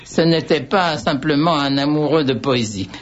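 A man's voice: fairly high pitch, moderate pace, slight background noise. Older man telling wry, rambling anecdotes. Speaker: guest. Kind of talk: radio conversation. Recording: dull radio sound.

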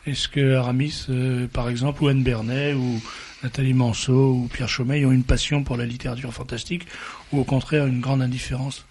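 A man hosting a radio studio discussion, throwing in quick joking remarks and questions. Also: mid-range voice, flat delivery, darkish tone, slight background noise. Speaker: radio host. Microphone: studio microphone.

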